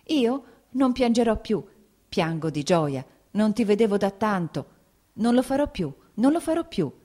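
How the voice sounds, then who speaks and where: A tearful, tender mother, as a woman reader voices her in an audiobook. She speaks softly, choked with emotion, in a low, mellow voice. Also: level tone, a little fast. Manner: soft, emotional, choked with tears. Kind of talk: dramatized audiobook reading.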